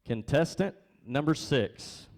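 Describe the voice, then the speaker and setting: Slightly high-voiced American male announcer. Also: expressive, slow pace, gravelly, darkish tone. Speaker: event announcer. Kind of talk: live event announcements.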